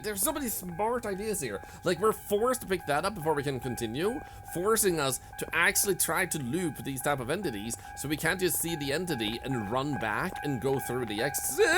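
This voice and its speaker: A man doing live gameplay commentary as a streamer, excitable, laughing often and yelping at sudden scares. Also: on the high side. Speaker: streamer playing a horror game.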